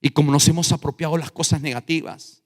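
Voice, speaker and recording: A male pastor preaching a sermon, swinging from loud emphatic lines down to hushed ones. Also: a little high, fairly even intonation, quick pace. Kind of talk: Spanish-language sermon. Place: church. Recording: long church reverb.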